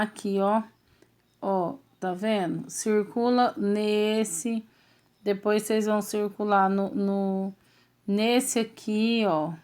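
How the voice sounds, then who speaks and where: A woman's voice: mid-range voice, darkish tone. A woman teacher with a Brazilian Portuguese accent, patiently walking pupils step by step through a textbook exercise and checking in with them often. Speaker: schoolteacher. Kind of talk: recorded remote lesson going through a textbook.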